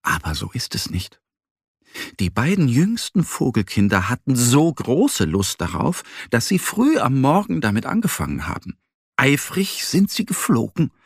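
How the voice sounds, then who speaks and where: A man narrating a children's story slowly and with lively intonation, recorded close to the mic. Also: medium pitch, husky, dry recording. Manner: slow, animated storytelling.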